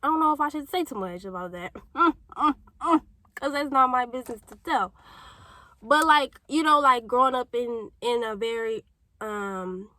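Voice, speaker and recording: Talking casually to camera, this young St. Louis vlogger shares personal testimony in a chatty, tangent-filled way, her local accent clear and her nose slightly stuffed up from a cold. Her voice sits on the high side, bright and forceful, at a measured pace. The audio is dry and rough.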